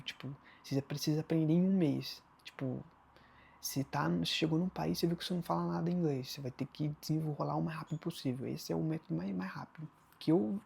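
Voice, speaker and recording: A Brazilian man with a Brazilian Portuguese accent talks straight to camera in a casual vlog. His voice is heavily gravelly, dark and husky. He rambles loosely and leans hard on fillers. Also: on the high side. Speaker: vlogger. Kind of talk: casual talking-head advice.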